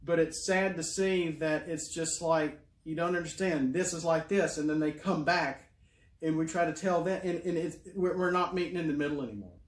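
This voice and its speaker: A man's voice: on the high side, moderate pace, echoey room. A middle-aged man rambling in a casual monologue, full of fillers and restarts. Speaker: YouTuber.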